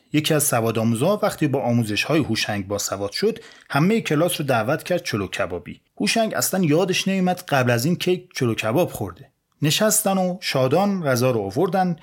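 A man hosting a podcast, narrating a biography in a playful scripted way and putting on voices for quoted people. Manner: playful, voices quoted characters with wide swings in pitch. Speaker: podcast host and storyteller.

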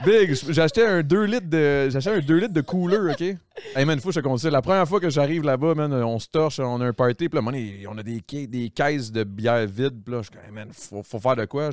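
A man's voice: mid-range voice, darkish tone, no room sound. A young Québécois man with a Québécois accent, telling stories in a loose, slangy, casual podcast chat. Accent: Québécois French. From Quebec. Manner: storytelling, loose and slangy, quick laughs.

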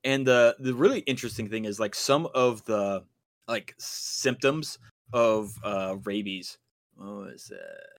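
With a fairly low voice and big swings in pitch, this podcast co-host talks at a measured pace. It's loose, rambling conversation, peppered with fillers and restarts.

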